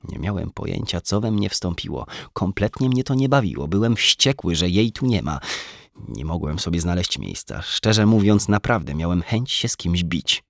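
Low gravelly male audiobook narrator. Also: expressive, normal speed, no room sound, studio quality. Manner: reflective, brooding and self-mocking. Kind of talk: first-person audiobook narration.

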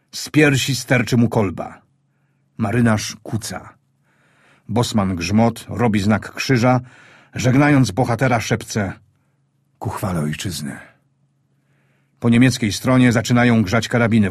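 A man reading a wartime story aloud in a grave, measured, tense manner. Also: mid-range voice, breathy edge, dry recording, studio quality. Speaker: audiobook narrator. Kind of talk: scripted wartime story narration.

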